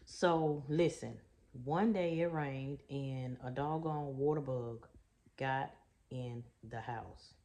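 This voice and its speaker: A woman's voice: very deep voice, takes it slowly, dark tone. A middle-aged woman from Texas, a trauma coach, chatting folksy to her viewers in a story-time vlog and calling them y'all and baby. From Houston, Texas.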